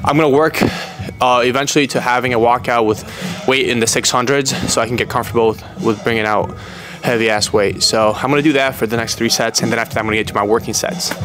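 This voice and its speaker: A man talking casually to the camera as a powerlifting vlogger, in between lifting weights and warming up. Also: medium pitch, fairly even intonation, quick pace. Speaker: powerlifter vlogging meet prep. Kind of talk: casual training vlog talk to camera.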